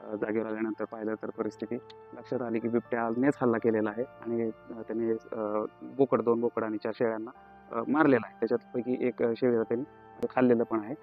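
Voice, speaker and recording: A man's voice: mid-range voice, little pitch movement, brisk, dull audio, soft background music. A man working for the forest department, giving an official statement outdoors in a hesitant way, with many fillers.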